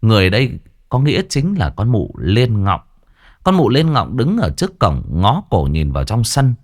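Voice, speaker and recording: A man narrating a horror story in a lively, colloquial way. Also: fairly low pitch, normal speed.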